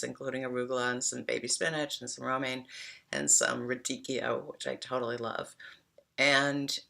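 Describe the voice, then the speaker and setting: A woman's voice: a bass voice, vocal fry, bright, forceful tone. A middle-aged woman talking casually to camera about her food, rambling and chatty with lots of fillers. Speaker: wellness coach vlogger.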